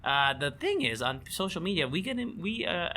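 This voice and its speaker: A man's voice: fairly high pitch, big pitch swings, normal speed, sharp tone. A man co-hosting a casual podcast, chatting and reading through a ranked list with frequent laughs. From Philippines. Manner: chatty, breaks into laughter, reads a list aloud. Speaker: podcast co-host. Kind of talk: casual chat.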